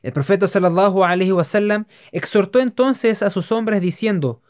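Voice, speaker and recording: A narrator giving a steady, measured scripted reading of religious history. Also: mid-range voice.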